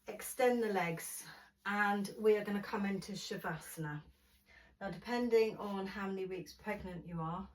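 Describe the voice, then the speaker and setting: A woman leading a gentle prenatal yoga class, guiding slowly and soothingly, at times dropping almost to a whisper. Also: lowish voice. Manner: slow, soothing instruction, softening to near whisper. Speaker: yoga teacher. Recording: voice from a distance off the mic.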